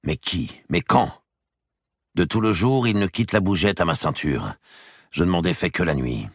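A man doing a medieval king in a raised, lively voice, urgent and commanding. The tone is gravelly and husky, recorded dry and close. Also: low-pitched, normal speed, no room sound, voice pushed up, full character voice. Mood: pondering. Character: medieval male king, bewildered then commanding.

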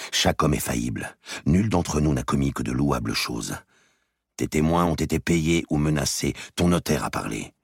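A man reading an audiobook voices a weary, earnest medieval king in a grave, measured, very deep and creaky voice. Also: no room sound, studio quality, full character voice.

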